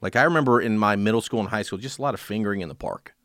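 A man's voice: lowish voice, very fast, a bit bright, no room sound, clean studio sound. A young man hosting a podcast, reading a true-crime story aloud and trading crude jokes in casual chat. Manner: crude, joking, offhand. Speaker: podcast host.

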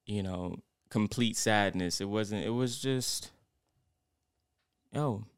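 A man's voice: lowish voice, slow pace, clear, resonant tone, no room sound, studio quality. A young man co-hosting a podcast, telling a personal story in a reflective, rambling way with lots of fillers. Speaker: podcast co-host. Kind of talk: casual podcast chat.

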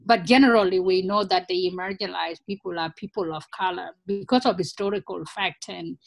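A woman's voice: on the low side, fairly even intonation, fairly quick, vocal fry, no room sound. A woman from Africa, a guest in an interview, talking earnestly and reflectively in a conversational way. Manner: earnest, reflective, many "you know" fillers.

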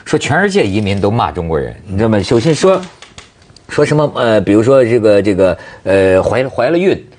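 A man hosting a panel talk show, telling anecdotes in a lively way and acting out the lines he quotes. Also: on the low side, brisk. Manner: animated storyteller, acts out quoted lines.

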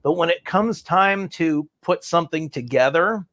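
A man speaking as an interview guest, quick and self-assured, with a dry sense of humor. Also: fairly high pitch, a bit bright, no echo. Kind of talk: conversational interview.

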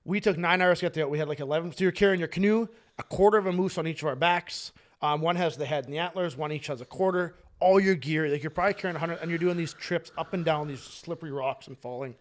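A man co-hosting a casual podcast, telling a long story with rapid, tumbling speech. His voice sits on the higher side for a man. He rambles, restarts and swears freely. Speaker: podcast co-host.

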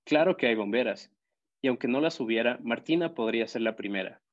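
A man's voice: mid-range voice, a little fast, highs cut off, lightly acted. Man doing a serious, formal schoolboy. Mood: earnest. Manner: serious and calm.

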